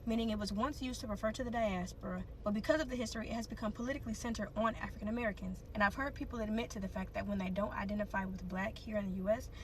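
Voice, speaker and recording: A woman's voice: medium pitch, steady tone, rapid-fire, few pauses, distant mic, a little hiss or hum. A woman giving composed, informative commentary in a social media video.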